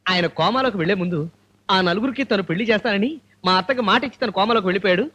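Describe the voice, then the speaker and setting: An actor playing a scheming male con man in a film comedy scene. He talks fast and wheedles his way out of every charge. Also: sits high, pushed and bright. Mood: smooth-talking. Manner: fast, wheedling excuse-making.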